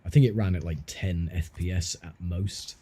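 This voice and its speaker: Low, mellow man chatting casually. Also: normal speed. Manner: rambling, self-interrupting storyteller. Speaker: streamer. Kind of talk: casual chat.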